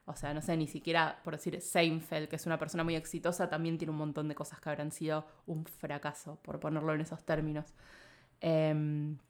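An Argentine woman with a fairly low voice and a clear Argentine Spanish accent answers questions in a casual, reflective interview. She speaks fairly quickly in a monotone, rambling and thinking aloud with lots of filler phrases, and the occasional laugh slips in.

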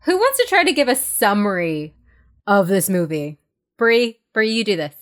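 A woman's voice: medium pitch, big pitch swings, normal speed. A woman hosting a casual podcast, upbeat and leading the talk with questions. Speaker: podcast host.

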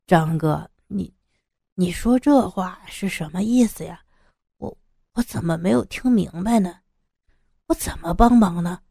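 A woman voicing a loyal, brotherly younger man who talks briskly and stammers when flustered, in an audiobook story. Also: lowish voice, vocal fry, dark tone, dry recording, clean studio sound. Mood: puzzled. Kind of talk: audiobook character voice.

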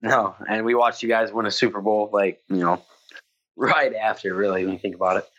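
A husky-voiced, fairly low man speaks bluntly over a video call, cursing freely in casual chat. The call audio is dull and lo-fi and breaks up now and then. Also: fairly even intonation, fairly quick, a bit bright. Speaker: football fan guest.

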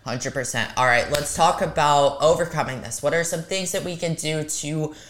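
A woman's voice: deep voice, normal speed, slight background noise. A woman co-hosting a podcast, talking frankly and earnestly with plenty of swearing. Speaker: podcast co-host. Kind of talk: casual chat.

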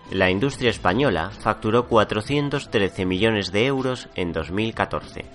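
A man reading a scripted news report with a measured, formal delivery. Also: lowish voice, fairly bright tone. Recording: faint music under the voice.

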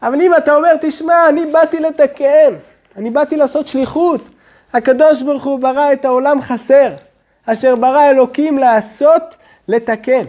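Man preaching slowly with hushed drops. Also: steady tone. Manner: slow, deliberate preaching with sudden drops to a low hush. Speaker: rabbi. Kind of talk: sermon.

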